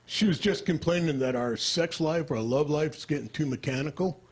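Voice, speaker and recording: Older man, stand-up comic, husky voice, dry deadpan delivery, stage mic. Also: a little high, normal speed. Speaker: stand-up comedian. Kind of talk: stand-up comedy.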